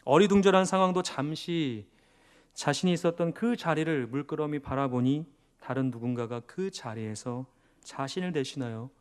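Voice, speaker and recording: A male pastor preaching a sermon in church, swinging from loud emphasis to hushed near-whispers and asking questions that he answers himself. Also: on the high side, normal speed, smooth.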